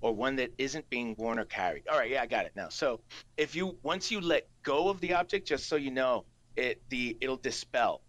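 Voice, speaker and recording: A man improvising narration as game master of a tabletop game, halting and thinking aloud as he goes. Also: medium pitch, lively intonation, fairly bright tone. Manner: hesitant, halting, piecing rules together aloud.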